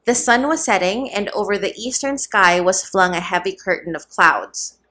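Woman, audiobook narrator, steady measured reading, mid-range voice. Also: mid-range voice. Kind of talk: scripted narration.

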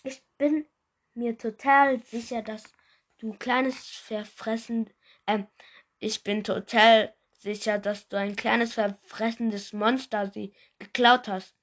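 A woman's voice: on the high side, steady tone, takes it slowly. A woman voicing a bossy twelve-year-old boy who snaps accusingly at his little brother, in a read-aloud storybook. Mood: angry. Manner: snapping, accusing.

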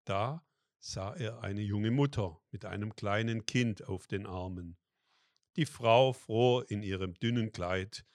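Slow, calm German-speaking male reader. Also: on the low side, no echo, clean studio sound. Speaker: story reader and prayer leader.

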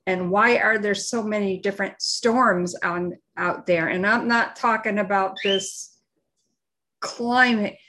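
A woman co-hosting a live podcast, giving unscripted opinions in a halting, deliberate way as she searches for words. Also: mid-range voice, fairly even intonation, sharp tone. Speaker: live show and podcast co-host.

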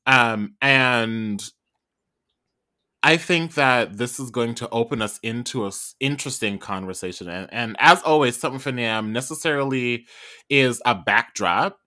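A man co-hosting a podcast, chatting casually and reading an article aloud, animated and full of ums. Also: mid-range voice, a little slow. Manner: animated, trails off with many ums. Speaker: podcast co-host.

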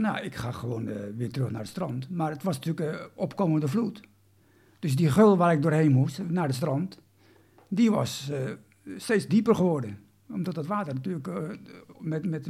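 A man's voice: on the high side, normal speed, creaky, dark tone, breathy edge. A man, recounting a personal story in an interview, hesitant with many restarts.

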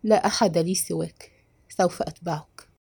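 A woman's voice: on the low side, steady tone, moderate pace, creaky, darkish tone, husky, voice pushed down, heavily acted. Woman reading as an anxious young wife, worried, pleading, storybook.

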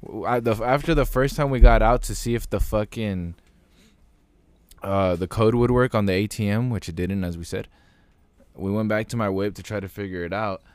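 Young male co-host, low voice, easygoing slangy banter, dry close mic. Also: moderate pace, a little mellow, clean tone, no room sound. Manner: laid-back, joking, slangy. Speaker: podcast co-host. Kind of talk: casual chat.

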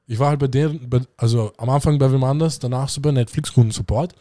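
A man's voice: medium pitch, fast, dark tone, no echo, studio quality. A young man, a podcast guest chatting casually in laid-back slang. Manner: slangy, laid-back, says "Bro" and "Alter". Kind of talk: casual chat.

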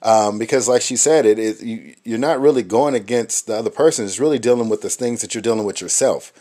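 Low-voiced man talking slowly, full of ums. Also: warm tone. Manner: thoughtful, hesitant with many ums and restarts. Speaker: married co-host. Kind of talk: reflective casual talk.

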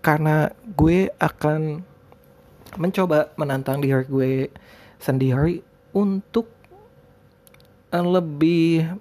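Lisping man, higher-pitched casual podcaster. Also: a little mellow. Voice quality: lisped r sounds (cadel). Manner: rambling, hesitant, informal. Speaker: podcast host. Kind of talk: casual solo podcast talk.

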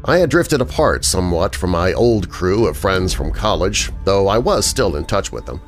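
A man reading a first-person horror story as a measured, dramatic narrator. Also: fairly low pitch.

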